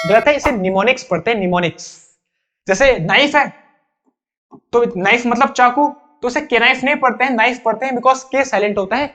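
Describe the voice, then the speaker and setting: Brief: very high-pitched male tutor, chatty repetitive explaining, dull lo-fi sound. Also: a bit bright. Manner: chatty, repetitive explaining, addresses students as bhai. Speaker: English teacher. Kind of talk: exam-prep vocabulary lesson. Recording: dull lo-fi recording.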